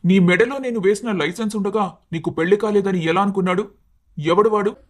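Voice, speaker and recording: Cartoon story: a performer as an earnest young husband, mid-pitched, emotional. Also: brisk, lightly acted. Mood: angry. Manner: pleading, emotional. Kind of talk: Telugu storybook cartoon dialogue.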